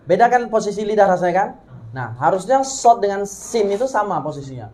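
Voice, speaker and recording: A woman's voice: mid-range voice, sing-song, a little fast, a little mellow. A woman teaching Quran recitation, correcting pronunciation and demonstrating sounds over and over. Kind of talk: hands-on recitation coaching.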